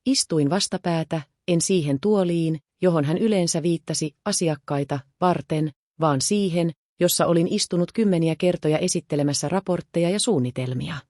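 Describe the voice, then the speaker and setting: A woman narrating a first-person story in a calm, measured way. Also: lowish voice, no echo, studio quality.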